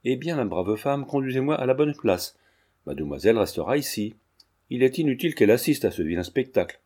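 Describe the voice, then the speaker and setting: A man reading the lines of a calm young gentleman in an audiobook, explaining things in a reasoning way. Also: mid-range voice, brisk, husky. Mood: resolute.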